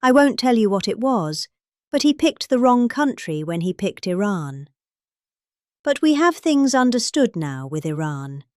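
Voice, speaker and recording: A middle-aged British woman gives a comic, deadpan dramatic reading with pompous gravity. Her pitch swoops up and down as she uses pointed pauses and heavy emphasis. The sound is close and dry, with no room or echo.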